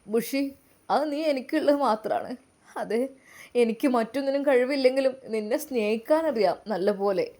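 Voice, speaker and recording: A woman's voice: on the high side, moderate pace, dark tone. A woman voicing a jealous, suspicious young husband who accuses and pleads through tears in a dramatized story reading. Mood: pleading.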